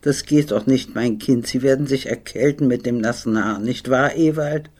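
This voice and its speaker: A woman's voice: extremely low pitch, moderate pace, darkish tone. A woman reading an audiobook, voicing an imperious older society mother who complains theatrically. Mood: grandly fussing.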